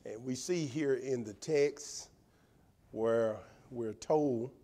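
A man's voice: mid-range voice, takes it slowly, warm tone. An older man preaching a sermon from the pulpit of a church sanctuary, drawing out his words and repeating amens. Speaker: pastor. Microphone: pulpit microphone, far camera.

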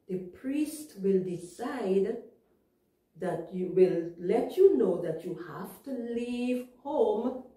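A woman teaching young children a Bible story, explaining things simply and asking them gentle questions. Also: medium pitch. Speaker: Sabbath school teacher. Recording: echoey room, far from mic.

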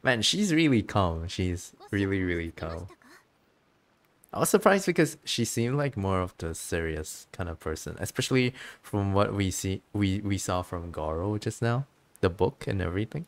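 Low-voiced and relaxed, this streamer talks viewers through the game on screen in a chatty, giggly manner. The pace is moderate.

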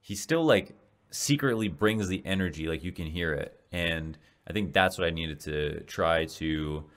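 In his small home room, a young podcast host who also casts esports muses alone into a large studio mic set before his face. He keeps a measured pace in a very low voice that turns raspy. The delivery is loose and rambling, with many fillers and restarts.

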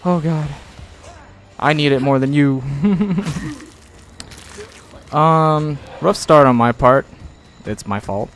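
A man's voice: on the high side, slow, pauses often, slight background noise. A young man giving casual gameplay commentary with playful, self-mocking banter.

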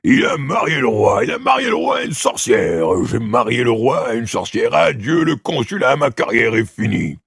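A man's voice: mid-range voice, big pitch swings, moderate pace, vocal fry, few pauses, slightly rough, no echo, studio quality, pitched above the performer's own voice, full character voice. A man doing a furious ranting father. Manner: shouting, exasperated. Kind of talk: audiobook character voice.

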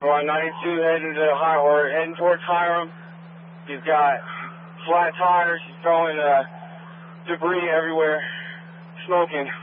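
A man's voice: fairly high pitch, flat delivery, normal speed, long pauses. A man, a sheriff's deputy giving clipped, procedural pursuit call-outs over police radio. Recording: tinny, noisy police scanner radio.

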